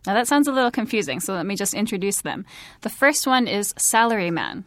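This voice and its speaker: Woman co-host explaining phrases clearly. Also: mid-range voice, very animated, a little slow, fairly bright tone, no room sound. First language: English. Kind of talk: casual explanatory chat.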